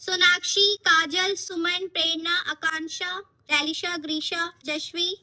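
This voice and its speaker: A woman's voice: extremely high pitch, flat delivery, a little slow, pushed and bright, full character voice. A woman playing a strict, scolding teacher and mother in a comic skit. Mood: stern. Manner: scolding, bossy.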